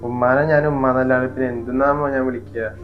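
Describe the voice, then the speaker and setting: A man's voice: medium pitch, lo-fi sound, soft background music, lightly acted. A young man playing a hurt, patient stepson in an amateur family short film. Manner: hurt, pleading, quick and flat. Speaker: elder stepson in a family skit.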